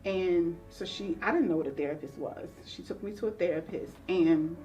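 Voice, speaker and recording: A woman's voice: lowish voice, normal speed, warm tone. A woman counselor telling her own life story in an interview, earnest and reflective, acting out the voices of people she remembers. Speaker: counselor guest. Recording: voice a little distant from mic, faint music.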